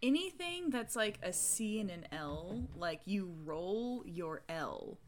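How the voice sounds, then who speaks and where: Lively amused woman on a podcast. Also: medium pitch, slow pace, very noisy. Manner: amused, giggles between remarks. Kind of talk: casual podcast banter.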